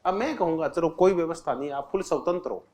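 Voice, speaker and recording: A man's voice: fairly high pitch, expressive, quick pace, darkish tone. A man teaching an exam-prep lecture, constantly asking the class questions and answering them himself, repeating key terms with simple examples. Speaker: political science teacher.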